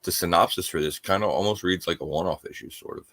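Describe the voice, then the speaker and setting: Very deep-voiced easygoing podcast co-host. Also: male voice, quick pace, a bit bright, no room sound. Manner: easygoing, hesitant, many "you know"s. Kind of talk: casual chat.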